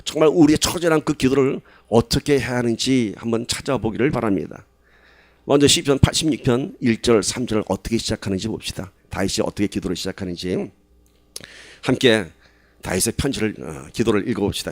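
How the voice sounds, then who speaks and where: A male pastor delivering a sermon at an ordinary middle pitch. He talks with the congregation through questions and builds to loud, emphatic passages. The sound is close and dry. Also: no room sound. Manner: conversational preaching, rhetorical questions to the congregation.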